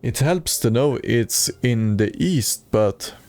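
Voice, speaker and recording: A man's voice: mid-range voice, lively intonation, slow, darkish tone. A man streaming a video game and reading its dialogue aloud in a plain way, with occasional stumbles.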